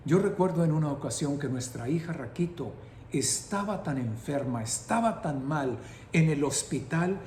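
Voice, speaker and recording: A middle-aged man preaching an impassioned sermon that builds to shouting. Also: fairly high pitch, lively intonation, moderate pace, slight background noise. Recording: roomy echoing room.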